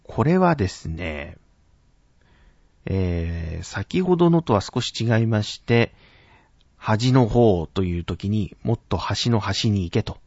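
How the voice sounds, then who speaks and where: Male instructor, formal and careful, very animated intonation; dull, dry, lo-fi lesson audio. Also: on the low side, gravelly, no echo. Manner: formal polite speech, slow careful enunciation of example words. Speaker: announcing instructor. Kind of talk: scripted spoken lesson on pitch accent. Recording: dull, dry narrow-band recording.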